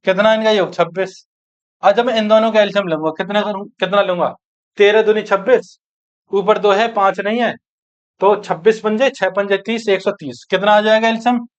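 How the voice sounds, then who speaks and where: A man's voice: high voice, fairly even intonation, moderate pace, highs cut off. A man teaching an exam-prep maths lesson, working through sums aloud and asking and answering his own questions. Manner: addresses students as friends and brothers.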